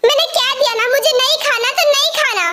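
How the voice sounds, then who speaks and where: Picture a very high, thin voice as a stubborn younger sister, dubbed by a woman in a homemade fan dub. She sulks and snaps back at her elders and will not give in. It is delivered in a plain, everyday register. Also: a little fast, very noisy. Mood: defiant. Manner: sulky, defiant, shouting back.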